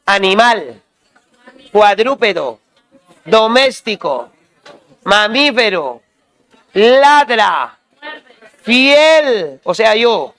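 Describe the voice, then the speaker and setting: High-voiced man drilling a class. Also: big pitch swings, drawn-out words, long pauses, bright, forceful tone. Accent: Peruvian Spanish. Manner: quizzing, repetitive call-and-response. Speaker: teacher. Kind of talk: drilling lecture to students.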